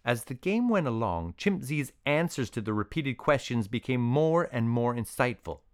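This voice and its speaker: A man narrating a children's story in an even, descriptive way. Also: medium pitch, moderate pace, no room sound, clean studio sound.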